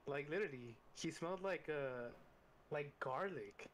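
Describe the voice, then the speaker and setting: A man's voice: on the high side, expressive, normal speed, slight background noise. A young man co-hosting a podcast in casual chat, blunt and emphatic, swearing casually. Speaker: podcast co-host.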